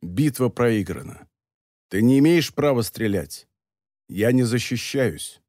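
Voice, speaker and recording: A man voicing a cool-headed master thief, speaking low and insistent. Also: lively intonation, slow pace, darkish tone, no echo, clean studio sound. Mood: calm. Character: cool-headed master thief, male, urgent then calm.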